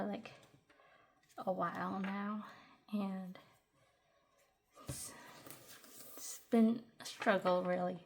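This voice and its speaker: A young woman in her twenties chatting casually as a budgeting vlogger, a little out of breath, with fillers and restarts. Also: mid-range voice. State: short of breath. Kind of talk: casual tutorial chat.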